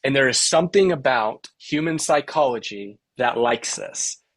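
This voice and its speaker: A man's voice: mid-range voice, animated, normal speed, fairly bright tone. A man, a pastor and guest, explaining with animation and reciting lines in rhythm, recorded in a church lobby. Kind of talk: teaching interview.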